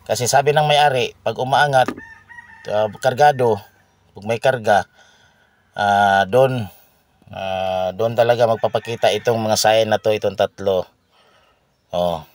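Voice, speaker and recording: A man, a mechanic explaining a car repair to viewers in a halting way, pausing and repeating himself. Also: fairly low pitch, fairly even intonation, a little hiss or hum.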